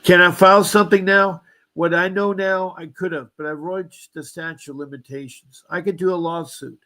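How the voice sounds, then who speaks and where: A man's voice: sits high, fairly even intonation, moderate pace, sharp tone. A man in his seventies telling a personal story, rambling with restarts and asides and insisting he was wronged. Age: 70s. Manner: aggrieved, insistent about injustice. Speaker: guest.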